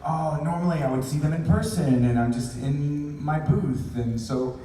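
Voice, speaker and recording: Chatty mellow-voiced man on a convention panel. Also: a little high, moderate pace, a little hiss or hum. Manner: chatty, reflective, rambling explanations. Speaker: voice actor panelist. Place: large convention panel hall. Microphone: panel mic through hall speakers, caught on a phone in the audience. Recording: echoey hall, phone from far off.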